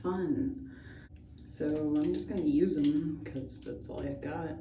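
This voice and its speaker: Woman vlogger, drunk and giggly, self-deprecating and sweary; slow, mellow delivery with an unhurried ramble. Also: sits low, fairly even intonation. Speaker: beauty vlogger. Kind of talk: casual makeup tutorial chat. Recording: roomy, distant mic, faint noise.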